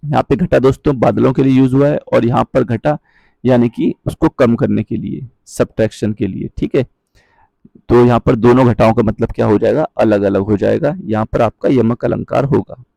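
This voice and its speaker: A man teaching a Hindi grammar lesson, explaining patiently, checking in with his viewers often and reciting verse lines slowly. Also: mid-range voice, fairly even intonation, vocal fry, dark tone, dry recording. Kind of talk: online exam-prep lesson.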